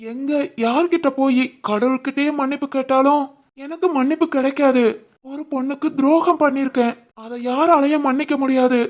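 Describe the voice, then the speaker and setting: A remorseful middle-aged uncle from an animated family story, voiced by a woman. He speaks with a Tirunelveli Tamil accent and pleads gently for forgiveness. The voice sits rather high for a man.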